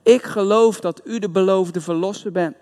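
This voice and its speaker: A man's voice: high-pitched, normal speed, a little mellow, clean tone, natural voice. A man voicing a blind beggar who cries out and pleads for help, in a hall with long reverb. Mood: pleading.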